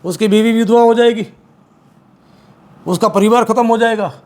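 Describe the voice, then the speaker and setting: A man speaking as an activist in an interview, forceful and repeating his points with emphasis. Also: high voice, steady tone, normal speed. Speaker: campaign activist. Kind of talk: interview, political criticism.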